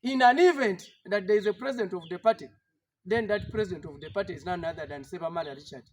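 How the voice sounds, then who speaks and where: Ugandan guy speaking at a press conference, high voice, fired up and defiant, keeps hammering the same lines. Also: fast talker, noisy background. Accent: Ugandan English. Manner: emphatic, defiant oratory with repeated rallying lines. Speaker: party politician at a press conference. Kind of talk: political press statement.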